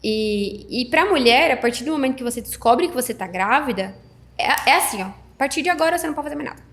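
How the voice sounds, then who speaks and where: A woman in her thirties talks casually as a podcast guest. Her voice sits on the higher side. She tells her story with energy and acts out the dialogue as she goes. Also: expressive, fast talker, fairly bright tone. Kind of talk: casual chat.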